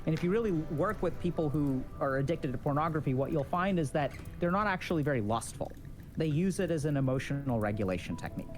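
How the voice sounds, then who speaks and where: A man's voice: on the high side, expressive, fast. A man giving an informal explanatory talk in the manner of a clinician. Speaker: mental health clinician. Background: music.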